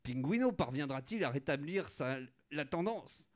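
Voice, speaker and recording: Comic radio narrator, a man, wry delivery with a somewhat high voice. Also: expressive, moderate pace. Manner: wry, asides to the listener. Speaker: comedian narrator.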